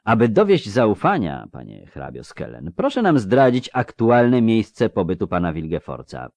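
A man's voice: on the low side, huge pitch swings, a little mellow, no echo. A man reading an audiobook, voicing a haughty nobleman conspirator who drags out his syllables. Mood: sneering. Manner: drawn-out syllables. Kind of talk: audiobook character voice.

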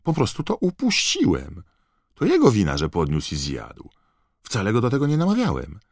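A man's voice: lowish voice, huge pitch swings, normal speed, darkish tone, dry recording, studio quality, pitched above the performer's own voice, full character voice. A man voicing a sly, mocking teenage boy who plays pranks. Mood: cheeky.

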